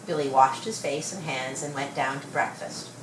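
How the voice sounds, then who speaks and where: A woman reads a children's story aloud in a low register, her delivery expressive and measured. The sound is roomy, with faint background noise.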